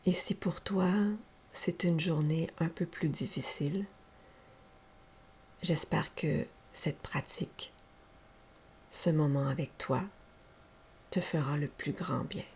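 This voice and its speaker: Her voice a low, gravelly murmur full of creak, a yoga nidra teacher softly and breathily guides listeners through meditation. She moves very slowly and gently, giving each soothing instruction space to sink in, over a faint constant hiss.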